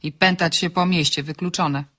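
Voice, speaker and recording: A woman's voice: on the low side, fairly even intonation, moderate pace, pushed and bright. An actress playing a dry, ironic woman architect in a radio drama, trading quips on the phone. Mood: wry. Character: wry, sharp-tongued woman architect.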